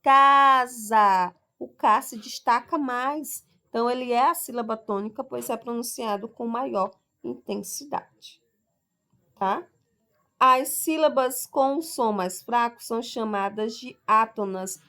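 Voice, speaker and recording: A woman teacher giving a recorded lesson for sixth graders, explaining step by step and drawing out each example word slowly, often checking in with "tá?" and "ok?". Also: a little high, a bit bright. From Brazil.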